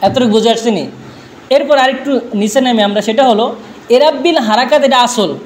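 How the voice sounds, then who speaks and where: A man's voice: extremely high pitch, moderate pace, a little hiss or hum. A man teaching a grammar lesson, drilling his students with repeated questions and answers, speaking.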